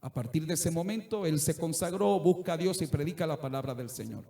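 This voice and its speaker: A man's voice: fairly high pitch, brisk, gravelly, warm tone. A middle-aged male pastor preaching a sermon earnestly, at times rising to fervent exhortation. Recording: echoey church room.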